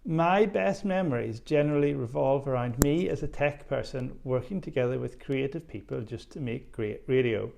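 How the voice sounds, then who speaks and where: A man's voice: medium pitch, moderate pace, creaky, hardly any pauses, darkish tone. A middle-aged man giving a recorded personal message in plain, conversational speech. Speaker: former student radio volunteer.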